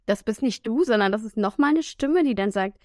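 Woman co-host, playful and blunt, slightly high voice, dry close mic. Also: expressive, fairly quick, darkish tone, no echo. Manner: frank and playful, laughs at herself. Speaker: podcast co-host. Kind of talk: casual chat.

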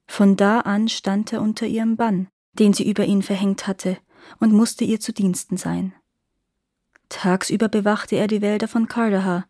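A woman storyteller reading a legend aloud in calm, measured narration. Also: medium pitch, no echo. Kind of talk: fairy-tale reading. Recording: dry close recording.

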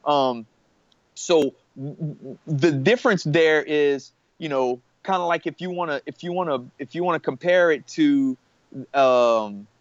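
A man talks at length in relaxed conversation, often doubling back and restarting his sentences. His voice sits a bit higher than most men's. The recording is dry and slightly muffled. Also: a little slow, no room sound. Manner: rambling, many restarts and fillers. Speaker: podcast guest. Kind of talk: casual conversation.

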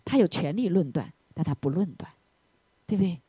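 A woman preaching a sermon to her congregation with a husky, slightly breathy voice. Her pitch swings widely as she presses her listeners with repeated questions, and she sometimes sinks to a soft near-whisper for emphasis. The sound is dry and close. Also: brisk, no echo. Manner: animated, keeps asking the congregation "right?".

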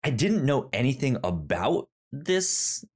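A man with a medium-pitched, slightly rough voice co-hosts a movie podcast, speaking slowly. He chats casually in a relaxed, rambling way, often restarting sentences and laughing.

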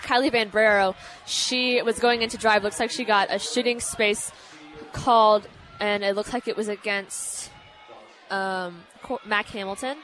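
A woman's voice: medium pitch, fairly even intonation, a little slow, a bit bright, faint music behind, low-quality recording. A teenage girl from San Francisco doing chatty, giggly play-by-play commentary for a student broadcast. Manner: chatty, giggly, many fillers.

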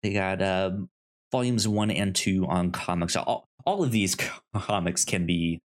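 This podcast co-host speaks in a deep voice at a measured pace. In a relaxed, chatty way he pitches comics and reads blurbs aloud, frequently stumbling over the opening syllables of words.

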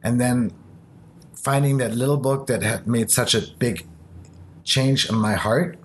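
A man born in Japan and raised in Germany, speaking English as his third language and sharing a halting, earnest testimony in casual conversation. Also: mid-range voice, a little hiss or hum. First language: not English.

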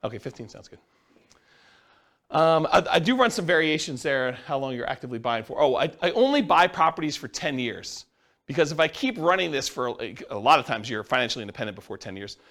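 A man's voice: medium pitch, big pitch swings, brisk, a bit bright. A man teaching a class, explaining step by step and asking the class questions. He says he is losing his voice. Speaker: real estate instructor.

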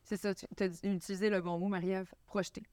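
A woman with a Québécois French accent, hosting a casual podcast conversation with animated, expressive storytelling. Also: medium pitch, brisk, no echo. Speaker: podcast host.

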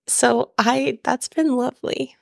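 Sick woman co-host, hoarse squeaky voice with gravelly fry, higher pitch, dry close sound. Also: fairly even intonation, slow pace, dry recording. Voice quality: squeaky, broken voice. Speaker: podcast co-host. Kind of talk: casual chat.

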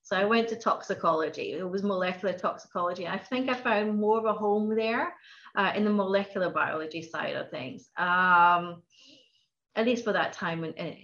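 A Norwegian woman with a mixed international accent shaped by Scottish and Norwegian roots chats as a guest scientist on a podcast interview, laughing often and using many fillers. Her mid-range voice is slightly bright at a normal speed, though the audio is dull.

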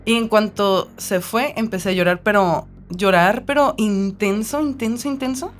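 Mexican woman host telling lively stories. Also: mid-range voice, normal speed, a little hiss or hum. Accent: Mexican Spanish. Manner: lively storyteller, acts out quoted voices. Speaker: podcast host. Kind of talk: casual chat.

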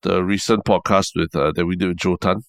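A man's voice: low voice, steady tone, a little fast, creaky, no echo, clean studio sound. A man with a Singaporean accent chatting casually as co-host of a podcast. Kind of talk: casual chat.

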